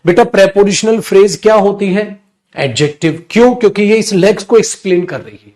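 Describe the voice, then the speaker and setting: A man's voice: high-pitched, fairly quick, darkish tone. A middle-aged man with an Indian English accent teaching English grammar in a live class, coaxing his students and asking and answering his own questions. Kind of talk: live online class lecture.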